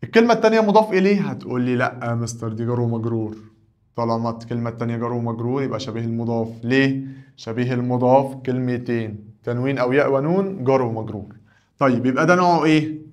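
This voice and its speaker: A man with an Egyptian accent, an Arabic teacher who runs a grammar lesson by firing questions and answering them himself, his voice rising on the questions and dropping low on the answers. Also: rapid-fire.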